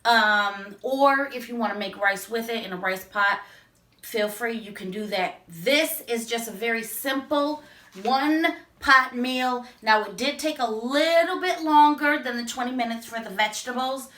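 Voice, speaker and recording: A woman's voice: on the high side, a little slow, a bit bright. A woman hosting a home cooking tutorial, chatty and enthusiastic as she talks straight to her viewers. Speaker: cooking show host. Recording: echoey room, voice from a distance.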